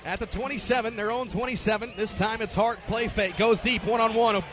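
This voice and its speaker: Excitable high-voiced play-by-play man. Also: brisk, a crowd in the background. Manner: excitable, shouting on big plays. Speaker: play-by-play radio announcer. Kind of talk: high school football play-by-play.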